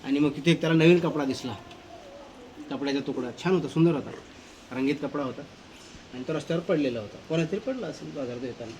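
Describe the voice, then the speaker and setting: A male teacher tells a story to schoolchildren at school. He is lively and repeats phrases to carry the tale along, and his voice is slightly high. There is a faint hum of room noise behind him. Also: fast.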